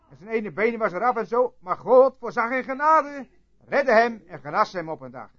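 A preacher with a high voice tells a story to his congregation. He jumps from loud cries to quiet asides. The tape sounds dull and lo-fi. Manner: storytelling preacher, swinging between loud outbursts and hushed asides. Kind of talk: sermon.

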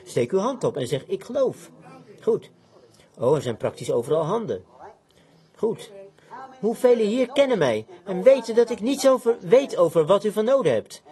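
A middle-aged man preaching and praying in a church tabernacle, fervent and conversational, often adding a quick "see?". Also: sits high, very animated, dark tone. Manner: fervent, conversational, repeats "zie" and "ziet u". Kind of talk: sermon, prayer and healing service.

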